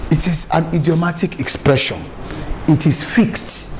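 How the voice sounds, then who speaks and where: A middle-aged Nigerian man raised in Lagos gives a lively, emphatic lecture on public speaking, packed with anecdotes. His voice sits on the high side and moves at an unhurried pace, with slight background noise.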